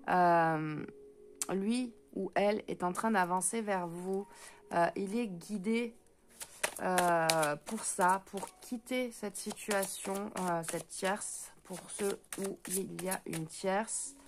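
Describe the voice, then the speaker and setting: A woman with a French accent doing a spoken card reading for viewers. She talks fast, trips over her words and fills pauses with hesitant sounds. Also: mid-range voice, noisy background. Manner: talks fast and stumbles, many hesitant fillers. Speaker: intuitive card reader.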